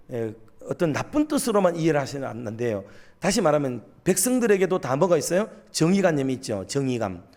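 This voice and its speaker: An animated male pastor preaches a sermon, turning to the congregation with direct questions and emphatic points. His voice sits high and moves through a lively, wide range of pitch.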